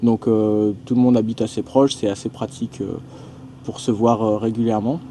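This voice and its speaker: A man's voice: on the low side, flat delivery, moderate pace, warm tone, slight background noise. A young man from France narrating a casual vlog tour of a house and garden, hesitant, with many fillers and restarts. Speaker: travel vlogger.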